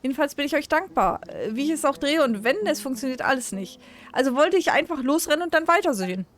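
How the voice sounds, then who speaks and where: Scattered male scholar obsessed with machine parts, read by a woman, high voice, plainly read, game dialogue. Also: animated, fast. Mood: worried. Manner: reads the lines aloud in a near-plain voice. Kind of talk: reading game dialogue aloud.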